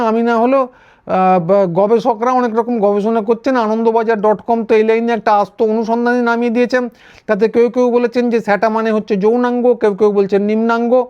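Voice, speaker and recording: A man giving a sarcastic political commentary, pausing and restarting often. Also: extremely high pitch, a little mellow. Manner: wry, sarcastic, with frequent hesitations and restarts. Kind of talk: casual political commentary monologue. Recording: dull, lo-fi recording.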